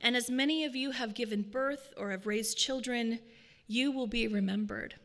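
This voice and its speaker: A woman giving a prepared personal talk, telling stories in a measured, earnest way. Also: fairly high pitch, a bit bright, big-room sound. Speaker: speaker.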